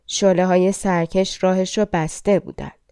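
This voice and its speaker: Fairy tale audiobook narrator, woman, low mellow voice, dry close sound. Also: fairly even intonation, smooth, no room sound. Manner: measured, dramatic storytelling.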